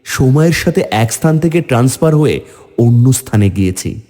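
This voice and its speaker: Mellow and natural yet animated, this male voice moves at a moderate pace as he plays a frightened, hungry villager in a cartoon. He tells his own horror story dramatically in first person, with grave narration that turns theatrical and climbs into high pleading.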